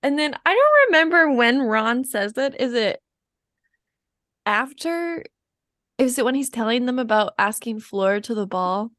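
A woman's voice: on the high side, sing-song, unhurried, fairly bright tone, dry recording. Playful young woman, dry close sound. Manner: playful, laughing, quotes scenes. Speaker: podcast co-host. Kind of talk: casual chat.

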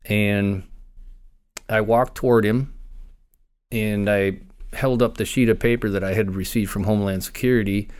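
A man, a former county investigator, recounting a personal story in an interview with measured pauses. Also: on the low side, fairly even intonation, darkish tone, clear, resonant tone.

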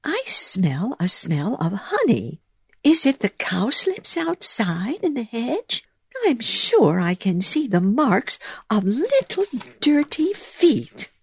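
A woman's voice: fairly high pitch, huge pitch swings, slow, husky, dry recording, voice pushed up, full character voice. A woman putting on a prim little house mouse. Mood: suspicious. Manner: prim and scolding. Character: fussy, tidy little female wood mouse. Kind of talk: storybook reading.

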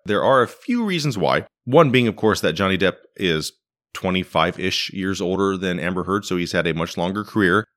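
A man's voice: low-pitched, animated, normal speed, fairly bright tone. A man hosting a podcast in casual, wry conversational commentary, recorded in a living room. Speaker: podcast host. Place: living room used as a home studio.

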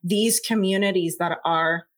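A Puerto Rican woman scientist, appearing as an interview guest, speaks earnestly in a conversational interview with a Puerto Rican accent and frequent fillers. Her voice is fairly low, a bit bright and a little slow.

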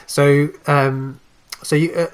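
A man's voice: fairly high pitch, level tone, takes it slowly. A man hosting a podcast interview, asking questions hesitantly with many restarts and fillers. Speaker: podcast host.

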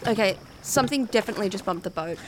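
A woman's voice: medium pitch, expressive, racing, background noise, natural voice. A young woman playing a seventeen-year-old girl, teasing on a boat at night, in a radio drama. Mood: frightened. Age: teens.

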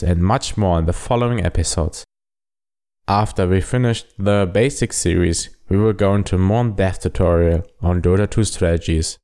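Low, dark-voiced German-accented man. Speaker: podcast host. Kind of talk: solo podcast tutorial.

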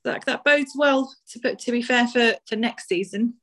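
A woman's voice: on the high side, normal speed, fairly bright tone. Chatty woman. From Essex, England. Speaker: podcast co-host. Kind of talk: casual sports discussion.

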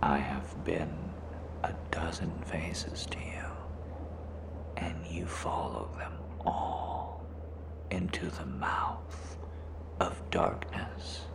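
A man voicing a cruel shapeshifting cave creature that taunts its captive in a slow, menacing whisper, in an audio roleplay. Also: very deep voice, animated, full character voice. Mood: taunting. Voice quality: gravelly.

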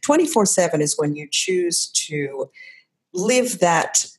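Hoarse woman hosting a podcast chat. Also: on the low side, animated, slow, poor audio. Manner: thoughtful, explains terms with many fillers. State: hoarse, croaky voice. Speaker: podcast host. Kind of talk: casual interview chat.

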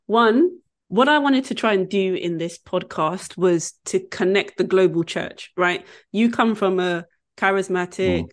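A woman hosting a podcast, talking casually with a friend and often searching for her words. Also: medium pitch. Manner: chatty, searches for words with fillers and quick apologies. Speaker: podcast host.

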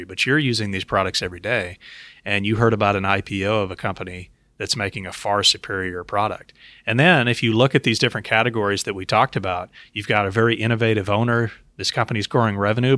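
A man with a fairly low voice hosts a podcast in an explanatory style. He addresses his listeners directly, and the sound is dry and close. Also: pushed and bright, dry recording. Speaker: podcast host and investment professional. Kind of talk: podcast talk giving investment advice.

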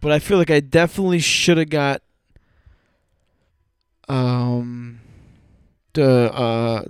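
A man's voice: medium pitch, level tone, slow pace, clear, resonant tone, no room sound, clean studio sound. A man hosting a podcast in a casual, informal chat style. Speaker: podcast host.

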